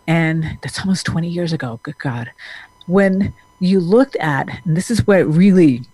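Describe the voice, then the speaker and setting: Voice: medium pitch, lively intonation, normal speed, darkish tone, slightly rough, no echo. Earnest, rambling therapist from Denmark. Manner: earnest, rambling, with frequent restarts and fillers. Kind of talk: casual talking-head monologue.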